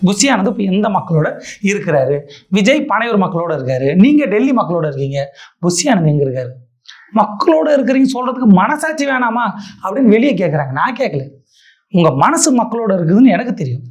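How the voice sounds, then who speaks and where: A woman's voice: medium pitch, big pitch swings, brisk, darkish tone. A woman giving a sarcastic political roast commentary, mocking her targets with a stream of rhetorical questions.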